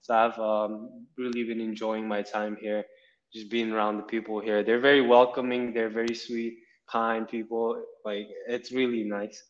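A man's voice: lowish voice, little pitch movement, moderate pace, muffled recording. A 21-year-old man from Nepal, a podcast guest chatting casually in a meandering, easygoing way. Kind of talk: casual interview chat.

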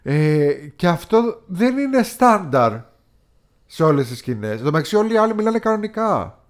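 A man's voice: sits high, very animated. Opinionated man picking films apart. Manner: opinionated, picky critic who mimics actors' accents. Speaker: podcast co-host. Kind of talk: casual film-review chat.

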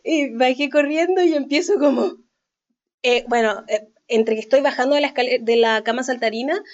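A woman with a Chilean accent, hosting a podcast and telling a story in casual chat, animated, laughing often and acting out what people said. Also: high voice, normal speed, highs cut off. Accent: Chilean Spanish. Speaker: podcast host.

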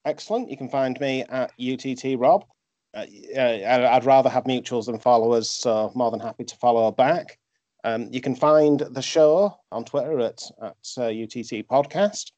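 Male podcast host, mellow, medium pitch, casual chat, dull lo-fi sound. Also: normal speed, no room sound. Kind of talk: casual wrestling review chat. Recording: dull, dry lo-fi microphone.

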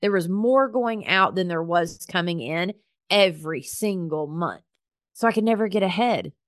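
A woman hosting a solo podcast, talking to her listeners like friends in an earnest, heartfelt way. She chats casually, with plenty of "like" fillers and warm encouragement. Her voice sits at a middle pitch and is recorded dry and close. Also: no echo. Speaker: podcast host and business coach for professional organizers.

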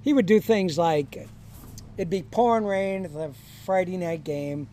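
Older man, former counselor, high voice, slow storytelling, chuckling, acts out quotes, faint background noise. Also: dark tone. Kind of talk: storytelling in casual podcast chat.

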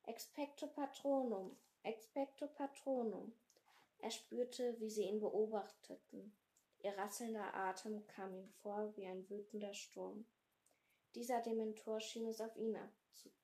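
A woman reads a fantasy book aloud, taking her time and keeping her voice hushed and low-key. Her tone is dark and mellow, with a slow, deliberate pace. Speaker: podcast host reading aloud. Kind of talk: slow dramatic read-aloud.

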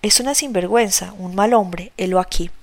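A woman's voice: medium pitch, fairly quick, natural voice. Lady reading a bossy older matron, stern and blunt, telling someone off in an audiobook. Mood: stern scolding. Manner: scolding, commanding. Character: stern, blunt older woman, head of a household.

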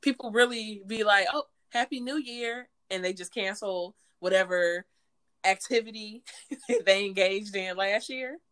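A woman in her late twenties co-hosting a podcast in casual chat, frank and quick to laugh. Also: mid-range voice, a bit bright. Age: late 20s. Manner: chatty, laughs often, frank. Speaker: podcast co-host.

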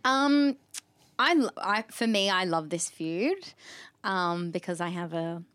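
An Australian woman co-hosting a loose pop-culture chat, her voice sitting on the low side. She talks in quick, rambling bursts full of ums and self-corrections. The sound is dry and close. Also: fairly bright tone, clear, resonant tone, no room sound. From northern New South Wales, Australia. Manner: chatty, self-mocking, many ums and restarts. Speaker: podcast co-host. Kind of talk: casual chat.

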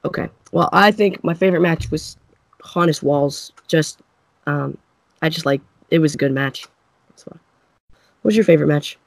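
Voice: medium pitch, normal speed, vocal fry, pauses often, no room sound. A co-host in a casual sports chat who thinks aloud hesitantly and often agrees. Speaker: podcast co-host.

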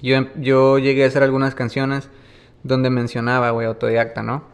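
A man's voice: mid-range voice, a little fast, smooth. A Mexican man, a music producer, talking casually as an interview guest, peppering his speech with slang fillers. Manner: relaxed slangy talk, peppered with filler words.

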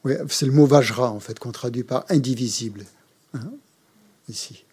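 Male Buddhist teacher, mellow voice, halting course delivery. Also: mid-range voice, breathy edge. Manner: hesitant, frequent fillers and repeated words. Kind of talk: explaining a mantra in a course.

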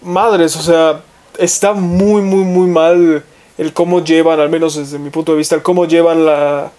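A man's voice: a little high, fairly even intonation, darkish tone. A young man with a Mexican accent, chatting casually with slang and frequent swearing. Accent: Mexican Spanish. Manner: slangy, swears freely, rapid bursts. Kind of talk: casual chat.

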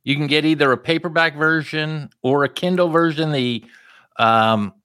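A man with a scratchy, hoarse voice from lack of sleep, joking around as a guest author in a casual podcast chat. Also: fairly high pitch, normal speed, pushed and bright, no echo, clean studio sound. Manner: joking, playful banter.

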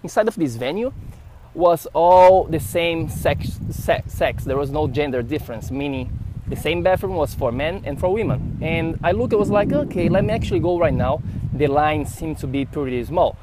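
A man from Brazil with a Brazilian Portuguese accent, a podcast host telling a story casually to camera in an animated, rambling way. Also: fairly high pitch, normal speed, background noise. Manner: animated, rambling with fillers and restarts.

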